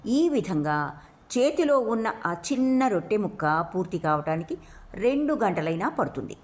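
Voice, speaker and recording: A woman narrating a novel in an audiobook reading, with steady, expressive storytelling. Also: medium pitch, normal speed.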